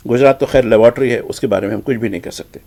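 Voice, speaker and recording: A man with a Hyderabadi Urdu accent giving conversational news commentary on the papers, animated, acting out the exchanges he quotes. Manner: animated, acts out quoted exchanges with shifts in pitch. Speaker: news commentator reviewing newspapers.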